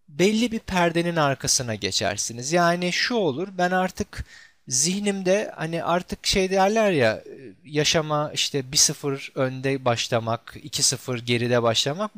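A man's voice: a little high, fairly bright tone, no room sound. A man speaking as a guided meditation instructor, explaining self-help ideas conversationally and addressing the listener directly with instructions. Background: background music.

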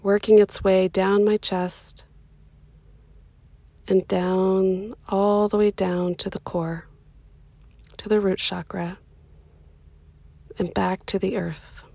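In a mid-range voice with little pitch movement, a woman leads a soothing meditation at a leisurely pace. She pauses between short phrases, her soft tone turning breathy at moments, with no room sound present.

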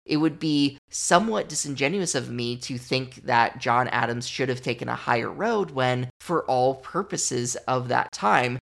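A man hosting a history podcast in a loose, conversational way. His voice has a gravelly, fried texture, and he sits at an ordinary middle pitch. He wanders into wry asides as he talks. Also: fairly bright tone. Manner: wry, chatty, digressive. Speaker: podcast host. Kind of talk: casual history podcast commentary.

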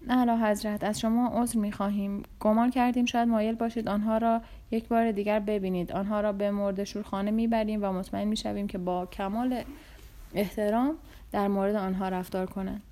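Servile palace attendant, quick formal apology, mellow voice, as a woman reader puts him on. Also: medium pitch, fairly even intonation, lightly acted. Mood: apologetic.

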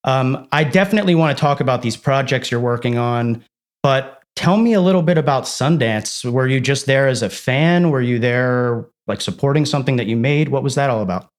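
A man's voice: mid-range voice, a little fast. Polished male podcast host. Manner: polished scripted introductions, then relaxed and joking. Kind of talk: interview podcast hosting.

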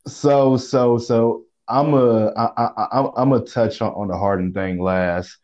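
A man co-hosting a sports podcast over a phone line, talking casually with halting restarts and slang. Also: medium pitch, steady tone, a little mellow. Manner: halting, repeats words, slangy. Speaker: podcast co-host.

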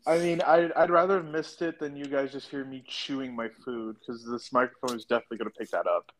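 A young man with a hoarse, worn-out voice, chatting excitedly on a podcast. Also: mid-range voice, fast. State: hoarse, lost his voice. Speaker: podcast co-host. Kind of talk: casual chat.

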